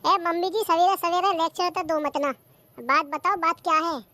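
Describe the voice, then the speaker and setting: A performer voicing a lazy, cheeky young daughter-in-law in a cartoon comedy, who answers back. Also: female voice, very high voice, normal speed, sharp tone, no room sound.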